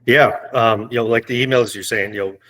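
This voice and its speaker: Lively storytelling podcast co-host man. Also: medium pitch, brisk, low-quality recording. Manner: animated storyteller who acts out little exchanges. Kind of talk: casual chat.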